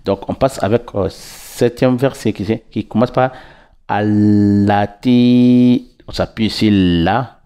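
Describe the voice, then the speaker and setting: A man teaching Quran recitation, patiently breaking words into syllables and repeating them slowly. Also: fairly low pitch, a little mellow. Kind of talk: slow syllable-by-syllable recitation lesson. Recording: dull lo-fi recording.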